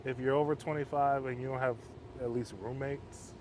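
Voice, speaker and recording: A halfway home counselor, appearing as an interview guest, talks casually outdoors near traffic. His mid-range voice is calm, measured, and flat, a monotone he describes himself, with street noise around him.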